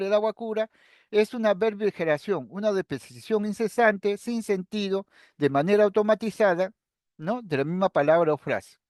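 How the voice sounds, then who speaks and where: A man's voice: high voice, dry recording, studio quality. A middle-aged man lecturing to students, explaining step by step and speaking to them directly. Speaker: psychiatry lecturer. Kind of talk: recorded lecture.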